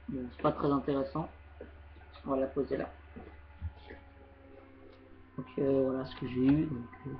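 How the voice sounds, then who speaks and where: A young man talks through a casual home unboxing, halting and leaning on filler words as he goes. His voice sits a little high. The recording is dull and lo-fi, with a faint hiss underneath. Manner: hesitant, heavy fillers like "donc, euh". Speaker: gamer unboxing a controller.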